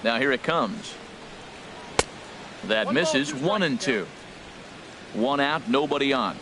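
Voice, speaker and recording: A man plays a composed, professional baseball announcer in a video game, giving play-by-play with stadium and crowd noise behind him. His mid-range voice is expressive and slow.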